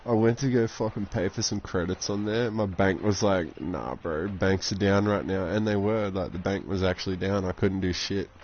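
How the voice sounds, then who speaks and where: A man's voice: deep voice, steady tone, moderate pace, hardly any pauses, a little mellow, muffled recording, a little hiss or hum. A young man chatting casually on a game live stream, rambling and swearing constantly.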